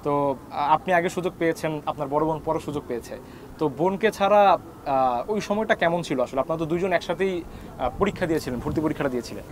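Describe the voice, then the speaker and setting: A man's voice: on the high side, fast, a little hiss or hum. A man, a TV sports host asking questions with frequent hesitation fillers. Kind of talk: interview questions.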